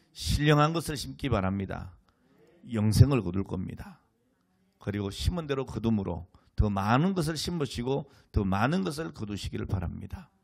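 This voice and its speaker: A male senior pastor closing his sermon in a church with a measured, solemn blessing and prayer. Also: on the low side, gravelly, darkish tone, breathy edge. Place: church sanctuary.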